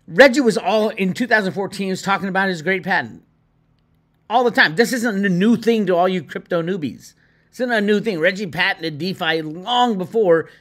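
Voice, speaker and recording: A man hosting his own online video channel, ranting in a casual, animated way with lots of restarts and indignant asides. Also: high voice. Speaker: crypto video host. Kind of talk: casual commentary to viewers.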